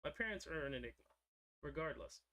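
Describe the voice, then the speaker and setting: Young man, streamer, casual chat while drawing, digressive, slightly high pitch. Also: expressive, a little fast, bright, forceful tone. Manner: rambling, digressive storytelling.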